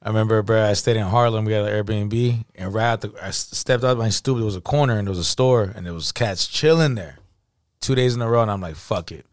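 A man tells casual stories in rapid-fire frat-bro slang. He swears freely and addresses everyone as bro. The sound is dry, with no room around it. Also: fairly low pitch, no echo. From California. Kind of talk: casual slangy storytelling among friends.

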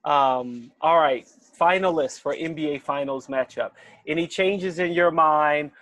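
A man's voice: on the high side, measured pace, fairly bright tone, no echo. A man co-hosting a sports betting chat, reading out odds and putting questions to his partner. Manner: leads the talk, reads odds, asks questions. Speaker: sports betting podcast co-host.

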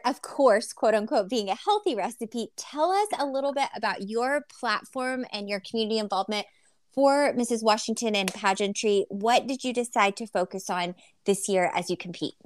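A woman hosts a podcast, asking her guest questions in an upbeat, friendly, casual tone. Her voice sits a bit high, and the recording is dry and close. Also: moderate pace, no room sound. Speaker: podcast host. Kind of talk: casual interview chat.

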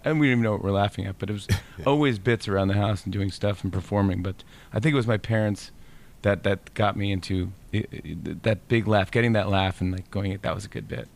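A man on a podcast, telling a childhood story in an animated way and laughing often. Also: fairly low pitch, quick pace. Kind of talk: casual chat.

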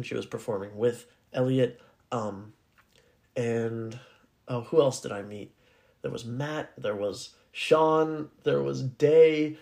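Raspy, hoarse man hosting a podcast. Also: mid-range voice, dark tone. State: hoarse, needing to clear his throat. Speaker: podcast host. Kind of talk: casual solo podcast monologue.

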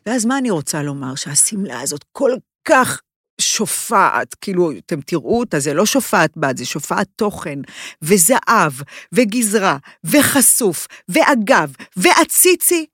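An Israeli woman with a highly animated, swooping delivery at a medium pitch. She talks casually as a podcast host, leaning hard on her words and repeating them for emphasis, in a dry recording. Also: husky, no echo. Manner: emphatic, theatrical, with repetitions and English phrases mixed in. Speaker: podcast host and fashion commentator. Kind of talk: casual chat and fashion commentary.

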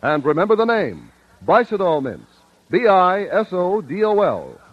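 A man reading a chipper 1950s radio advertisement as an announcer, with an emphatic, itemized sales pitch. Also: sing-song, measured pace, dry recording. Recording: muffled vintage radio recording.

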